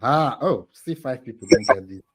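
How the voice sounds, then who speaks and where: A man's voice: medium pitch, expressive, normal speed, husky, rough recording. Playful man hosting an online quiz. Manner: playful, teasing, laughs often. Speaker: quiz host for online training cohort.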